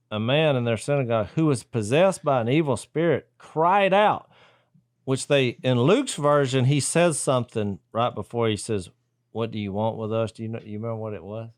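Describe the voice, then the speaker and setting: A man co-hosting a casual Bible discussion, thinking aloud and acting out quoted lines with sudden loud jumps. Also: mid-range voice, normal speed, no room sound, clean studio sound. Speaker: podcast co-host.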